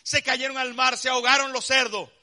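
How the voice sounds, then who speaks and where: A man's voice: very high voice, level tone, a little fast. A man preaching a sermon, telling scenes dramatically and calling his listeners "brother" with many rhetorical questions. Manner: dramatic storytelling, acts out scenes with shouts.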